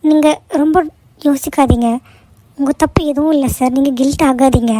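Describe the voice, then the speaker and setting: A woman voicing a gentle young office worker in a cartoon who patiently comforts her boss. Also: sits high, fairly even intonation, moderate pace, slight background noise, lightly acted. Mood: reassuring. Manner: soothing, patient, warmly persuasive. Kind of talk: cartoon voice acting.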